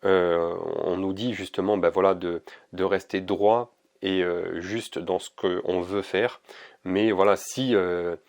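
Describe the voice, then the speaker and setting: A man giving a casual oracle card reading to camera, hesitant and gentle, with many fillers and restarts. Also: deep voice, fairly even intonation, slow.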